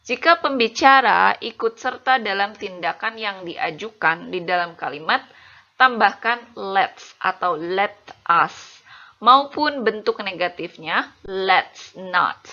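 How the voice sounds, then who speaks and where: A woman teaching English grammar, saying example sentences slowly and checking that listeners understand. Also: mid-range voice, animated, sharp tone. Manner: slow, deliberate example sentences. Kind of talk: explaining grammar lesson. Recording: muffled lo-fi voice-over.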